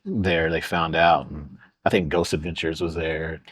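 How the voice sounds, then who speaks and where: A middle-aged Oklahoman with a bass voice, slightly rough and a bit bright, tells stories as a podcast guest a little slowly and with fairly even intonation. His casual storytelling rambles, full of "uh" and "you know," with no room sound.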